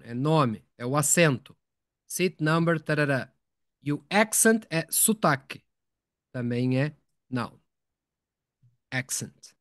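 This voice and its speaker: A man's voice: a little high, fairly bright tone, no room sound, clean studio sound. A man teaching English in a live online lesson, explaining patiently, repeating words and asking his students questions.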